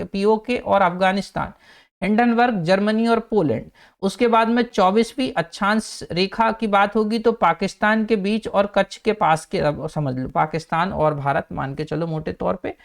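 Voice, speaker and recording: A man's voice: high-pitched, gravelly. A man teaching an online exam-prep class, coaxing his students with mnemonic tricks and frequent check-ins, sometimes rattling off facts in a raised voice. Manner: rapid fact listing in a raised voice.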